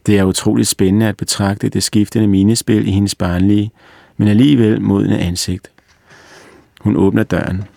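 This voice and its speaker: Man reading a story out loud, steady and measured, gravelly deep voice, dry close sound. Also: no room sound. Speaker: reader. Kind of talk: storybook narration.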